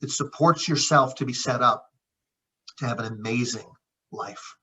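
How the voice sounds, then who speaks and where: Speaking unhurriedly, this middle-aged man, who works as a naturopath and chiropractor, tells heartfelt personal stories in a reflective, conversational manner and keeps calling his co-host by name. His tone is bright and forceful, slightly rough, at a medium pitch. It's captured on dull lo-fi audio.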